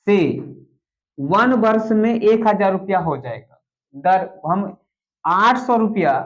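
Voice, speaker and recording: A man teaches a math lesson, repeating every step, mixing in English terms, and checking in with rhetorical questions as he goes. His voice sits high, and the recording has its highs cut off.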